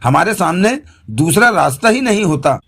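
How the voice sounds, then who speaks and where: A man's voice: sits high, big pitch swings, normal speed, vocal fry, a bit bright, slightly rough, heavily acted. A man voicing a firm, determined woman leader in an audiobook. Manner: firm, resolute.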